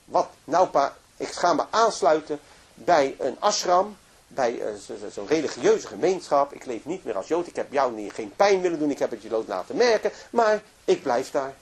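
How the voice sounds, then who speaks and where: A man quoting a young woman who firmly tells her father she is leaving, in a husky voice. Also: mid-range voice, big pitch swings, normal speed. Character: young woman, determined daughter leaving home.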